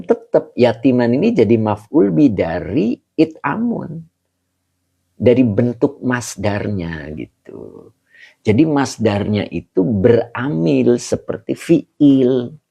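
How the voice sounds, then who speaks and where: A man's voice: medium pitch, creaky, mellow, breathy edge, dull audio. A man teaching a live online Quran class, chatty, greeting viewers by name and chuckling often.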